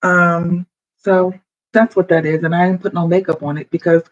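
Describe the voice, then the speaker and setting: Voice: mid-range voice, flat delivery, moderate pace, highs cut off. A livestreamer chatting casually with viewers, thinking aloud while fiddling with computer audio settings and talking into a computer microphone. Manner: chatty, talks straight to viewers. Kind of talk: casual live stream chat. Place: at a computer, indoors. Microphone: computer microphone, wearing headphones.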